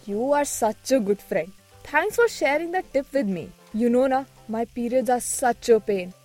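Give the voice of a woman with a North Indian accent and a high pitch. She co-hosts a cooking show in scripted but casual dialogue, chatting and dropping in Hindi words. Soft music plays behind her. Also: expressive, normal speed. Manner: chatty Hindi-English code-switching. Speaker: co-host of a cooking podcast.

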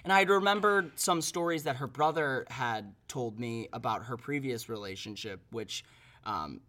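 A man's voice: medium pitch, normal speed, bright, forceful tone. A young man, a podcast guest, telling a story casually and animatedly, swearing and acting out quotes.

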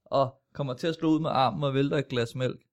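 A male comedian guest on a podcast tells absurd jokes at a middle pitch. He hesitates often, and his pauses feed the punchlines. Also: fairly even intonation. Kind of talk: comedic banter.

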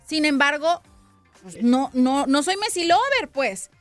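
A Mexican woman hosts a radio call-in from a studio, her voice high and bright. She talks to callers bluntly and teasingly, never holding back her opinion. Faint music plays underneath. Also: sing-song, unhurried. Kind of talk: casual call-in chat.

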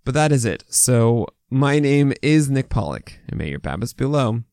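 Gravelly American man with a swollen mouth. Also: medium pitch, very animated, normal speed, a little mellow, no room sound, clean studio sound. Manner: casual, opinionated rundown with frequent asides. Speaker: fantasy baseball podcast host. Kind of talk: unscripted sports podcast commentary.

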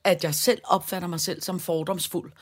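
A woman with a lowish voice thinks aloud, hesitant and reflective, pausing on fillers and often agreeing with her partner. Her voice sits below the usual pitch for a woman. The setting is a relaxed podcast chat. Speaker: podcast co-host. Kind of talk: casual chat.

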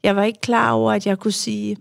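Young woman guest, frank and reflective, very gravelly voice, dry close sound. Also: mid-range voice, little pitch movement, no room sound. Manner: frank, reflective, with frequent fillers. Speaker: guest, adult child of an alcoholic; youth therapist. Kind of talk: candid conversational storytelling.

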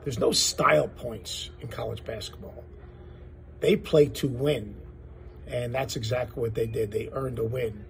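A man's voice: mid-range voice, steady tone, unhurried, vocal fry, slight background noise. A man giving emphatic post-game sports commentary as an analyst, building points through repetition.

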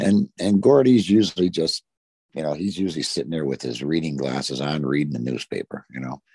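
A man's voice: very deep voice, creaky, darkish tone, slightly rough, dry recording. A middle-aged man, a former hockey player from the Detroit area, tells long rambling stories in an interview, full of "you know". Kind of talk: storytelling in an interview.

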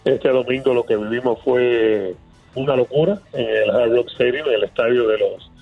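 A man's voice: medium pitch, moderate pace, creaky, breathy edge, soft background music. A man calling in as a team analyst, telling the story animatedly with many fillers and restarts. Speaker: team analyst, guest on phone. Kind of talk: excited phone interview. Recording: tinny phone line.

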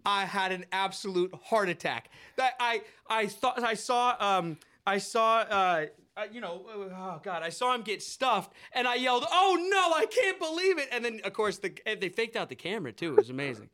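A man from Seattle hosts a casual sports podcast in a high, lively voice. He gets excitable, jumping from loud outbursts to mumbled asides. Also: moderate pace, few pauses. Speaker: podcast host.

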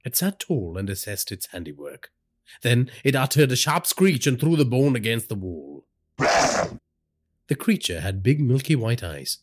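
A man narrating a scripted horror story, telling it dramatically. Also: medium pitch. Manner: dramatic storytelling with lively inflection.

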